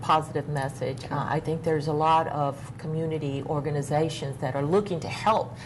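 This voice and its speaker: A woman's voice: deep voice, fairly even intonation, brisk. A woman hosting a talk show, interviewing guests in a conversational way. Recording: clear background noise.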